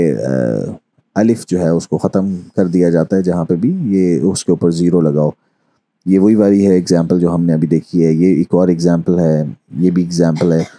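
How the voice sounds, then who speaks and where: Male Quran recitation teacher, deep dark husky voice, patient explainer, recites slowly. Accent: Urdu-speaking Pakistani. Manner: explains patiently, mixes in English phrases, recites verses slowly. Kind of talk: online lesson.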